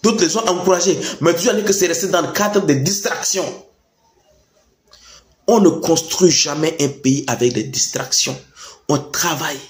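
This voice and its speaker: High-pitched man in an echoey room, emphatic commentary. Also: normal speed. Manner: emphatic, repeats phrases for stress. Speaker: political commentator addressing youth. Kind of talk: impassioned informal political commentary.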